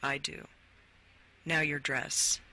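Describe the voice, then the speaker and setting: A woman author, interviewed as a guest, who reads from her own book in a slow, deliberate way. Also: extremely low pitch, little pitch movement, sharp tone, rough recording. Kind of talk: interview and reading from her memoir.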